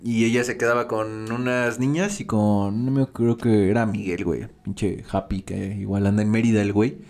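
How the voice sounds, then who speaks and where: A man's voice: fairly low pitch, moderate pace. Mexican man telling a wild story. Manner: slangy, animated, laughs while telling. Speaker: podcast guest. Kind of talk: casual storytelling.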